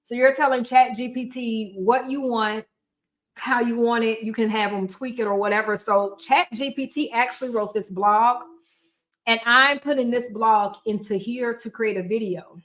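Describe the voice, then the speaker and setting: Woman, tech tutorial host. Casual and chatty, a bit high-pitched, eating between lines. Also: fairly even intonation, moderate pace, fairly bright tone. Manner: chatty, talks off the cuff to viewers. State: eating while talking. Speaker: livestream host demonstrating software. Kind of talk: casual screen-share tutorial.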